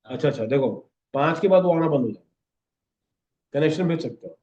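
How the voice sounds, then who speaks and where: A man's voice: a little high, expressive, fairly quick, mellow. Man teaching a class, dull lo-fi sound. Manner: instructive, repeats 'okay?' constantly. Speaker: instructor. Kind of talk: classroom lesson.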